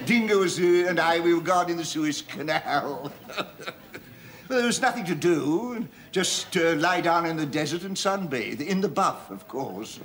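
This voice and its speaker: A man's voice: on the high side, expressive, unhurried, fairly bright tone. An actor playing a boastful older father who rambles through war stories and chuckles as he talks. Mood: rambling. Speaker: father in a sitcom. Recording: studio audience laughter.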